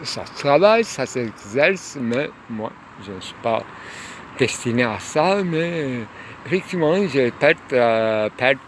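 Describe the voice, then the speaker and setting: A man musing aloud in a rambling monologue, hesitant and full of pauses and fillers, outdoors near a tunnel. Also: medium pitch, expressive. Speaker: lecturer. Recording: loud traffic noise behind.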